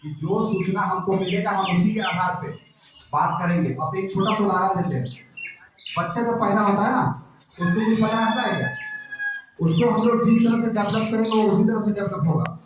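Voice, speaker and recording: An activist speaker from Jharkhand, India addresses a gathering in a high voice at a moderate pace, firing rhetorical question after rhetorical question at his listeners. He's far from the mic in a very echoey room, with faint noise.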